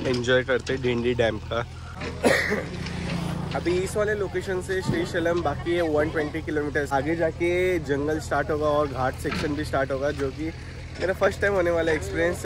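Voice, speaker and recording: Holding his phone at arm's length, a young man narrates a casual travel vlog, mixing Hindi and English in an excited, chatty tour-guide style as he shows a temple, a dam, and a temple hall interior. His voice is on the high side, with background music and heavy background noise.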